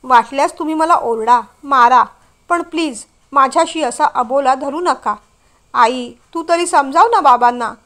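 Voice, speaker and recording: Woman reader as a remorseful teen son, tearful and pleading, high voice. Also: unhurried, sharp tone. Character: remorseful teenage son begging forgiveness.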